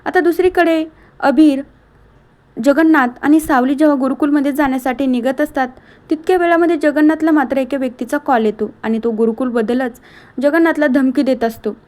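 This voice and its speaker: A woman's voice: high voice, a little fast, darkish tone. A woman narrating a casual recap of a TV serial episode, retelling the plot step by step in a chatty way. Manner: chatty, retells plot line by line with frequent connectives.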